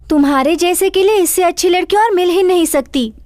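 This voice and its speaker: A sharp-tongued accuser. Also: female voice, extremely high pitch, brisk, no room sound, clean studio sound. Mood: scolding. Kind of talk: Hindi film dub.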